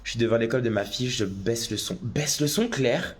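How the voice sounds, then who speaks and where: A man chats on a casual phone live stream, answering viewer comments as they come in. He is excitable and talkative, and he sometimes breaks into loud exclamations. His voice sits at an ordinary middle pitch for a man. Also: fast. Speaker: drag performer on a live stream.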